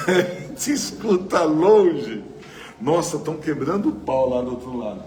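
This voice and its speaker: A man with a Brazilian Portuguese accent leads a spiritual study group, speaking conversationally into a microphone in a fairly high, animated, unhurried voice. He's chatty, often asking the room questions and using frequent tag questions. The recording is in a roomy hall with faint noise.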